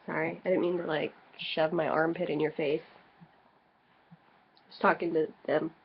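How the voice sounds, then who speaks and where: In a dull, lo-fi home recording, a woman co-hosting a dramatic reading video banters and reads aloud for laughs, slightly tipsy, giggly, profane and informal. Her voice sits low and creaky with little pitch movement at a moderate pace, over a faint hiss or hum.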